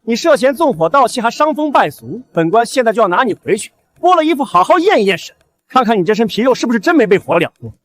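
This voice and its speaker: An actor playing a domineering, lecherous magistrate who issues threats. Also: male voice, extremely high pitch, very animated, fast, no echo. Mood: threatening.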